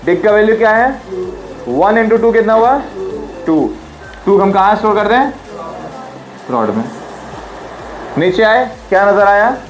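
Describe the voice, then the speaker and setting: सवाल दोहराता हुआ हिंदी-अंग्रेज़ी शिक्षक. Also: male voice, high-pitched, big pitch swings, unhurried, long pauses, soft background music, poor audio. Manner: quizzing, repeats questions, drills pronunciation. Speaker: teacher. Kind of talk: classroom lecture.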